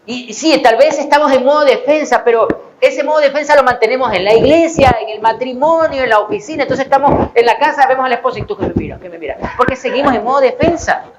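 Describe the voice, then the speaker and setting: A man's voice: very high voice, quick pace, hardly any pauses, very noisy. A man giving a conversational sermon as a pastor, with self-deprecating humor and acted-out snippets of dialogue.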